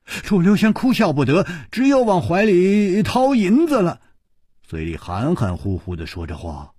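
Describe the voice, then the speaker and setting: A man reading a novel aloud with vivid, expressive storytelling. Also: high voice, husky, no echo, studio quality. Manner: vividly expressive, drawn-out phrasing.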